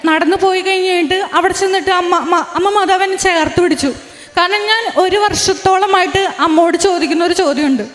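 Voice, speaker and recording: A woman's voice: very high-pitched, a little fast, fairly bright tone. A young woman giving an emotional religious testimony, earnestly retelling events and often restarting her sentences. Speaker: testimony giver. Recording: long hall reverb.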